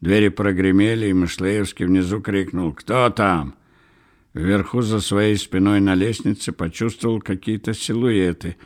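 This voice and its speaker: Deep-voiced male audiobook narrator. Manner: measured, expressive storytelling. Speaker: audiobook reader. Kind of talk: scripted literary narration.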